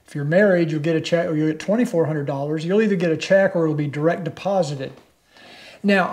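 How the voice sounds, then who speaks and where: Speaking in a high, darkish voice, an older man vlogs straight to the camera from his living room. He runs a motorcycle channel and talks in a plain, persuasive manner.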